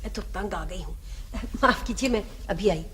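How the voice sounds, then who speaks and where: An actress playing an exasperated housewife in a TV drama, sharp and impatient. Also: female voice, medium pitch, normal speed, slight background noise, lightly acted. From Pakistan. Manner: impatient, sharp with the old man. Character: exasperated middle-aged housewife. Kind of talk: broadcast TV drama.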